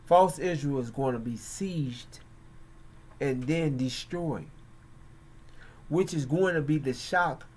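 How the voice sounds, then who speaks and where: A man hosts a stretch of religious and political commentary. His voice sits a little high, and he speaks slowly and deliberately. He stops often between short phrases and then comes down hard on his points. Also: darkish tone. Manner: slow, halting, emphatic delivery. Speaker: host.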